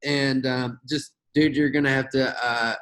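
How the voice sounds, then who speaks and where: A man hosting a trading channel, talking fast and loosely through a screen-share market rundown, with hiccups and gasps between phrases. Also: mid-range voice, flat delivery, fairly bright tone, rough recording. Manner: fast, rambling, with fillers and restarts. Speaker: forex trading channel host.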